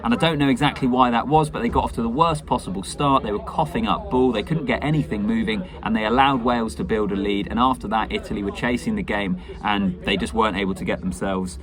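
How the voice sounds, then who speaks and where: A man's voice: lowish voice, fast talker, hardly any pauses. Conversational man in his thirties, crowd-like background. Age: 30s. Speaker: rugby pundit giving match reaction. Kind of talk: casual spoken match analysis to camera. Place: small indoor room at home.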